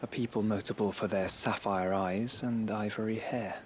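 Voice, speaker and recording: A man's voice: on the low side, fairly even intonation, moderate pace, a little hiss or hum, natural voice. An actor playing a learned male companion in a video game, talking in a thoughtful, explanatory way. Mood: musing.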